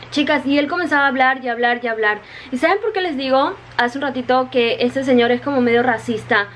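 Chatty high-voiced woman vlogging. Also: a bit bright, a little hiss or hum. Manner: chatty, repeats words, often says "chicas". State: wet from the rain. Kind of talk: casual vlog to the camera. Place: her home in Japan.

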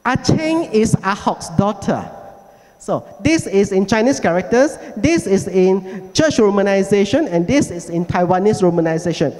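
Man, high voice, lecturing at a forum, reverberant hall sound. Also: expressive, darkish tone. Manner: explanatory, repeats key words slowly. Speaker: heritage forum speaker. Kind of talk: presentation lecture.

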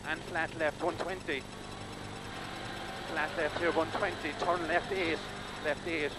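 A male rally co-driver reading rapid pace notes in terse, clipped calls of directions and numbers inside a moving car. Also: on the high side. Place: inside a rally car at speed on country lanes. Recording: very loud car engine noise. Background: loud engine and vehicle noise.

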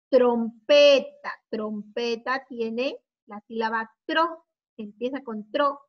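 A woman teacher, giving a children's phonics lesson and slowly repeating each word. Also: a little high. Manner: slow and clear, drawing out and repeating words. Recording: slightly dull lo-fi recording.

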